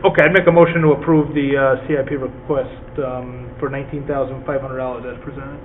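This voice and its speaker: A man's voice: medium pitch, level tone, quick pace, slight background noise. A man speaking informally in discussion as a town board member. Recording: tinny meeting audio, chatter behind.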